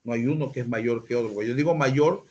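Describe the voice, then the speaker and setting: A man's voice: mid-range voice, quick pace, lo-fi sound. A man preaching a sermon, teaching through rhetorical questions and acted-out quotes. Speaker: pastor.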